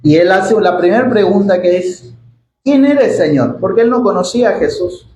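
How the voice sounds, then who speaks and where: A man from Argentina preaching a sermon with an Argentine accent, reading scripture slowly and asking many rhetorical questions. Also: high voice, a little mellow. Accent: Argentine Spanish. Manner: reads scripture slowly and stretches out the quoted words. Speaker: pastor. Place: church hall. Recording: echoey church hall, faint background noise.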